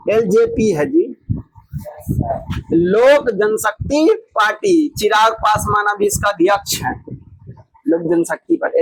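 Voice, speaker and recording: A man teaching with a Bihari Hindi accent, loudly quizzing his class and repeating each answer in call-and-response. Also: high-pitched, creaky, slightly rough, low-quality recording. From Bihar, India. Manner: loud, repetitive quizzing that drills students with call-and-response. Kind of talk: classroom exam drill lesson.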